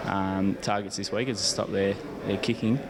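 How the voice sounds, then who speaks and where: In an interview, a young Australian rules footballer replies at a moderate pace in a fairly low, steady voice with an Australian accent. His answers ramble casually and hesitantly, with background noise audible.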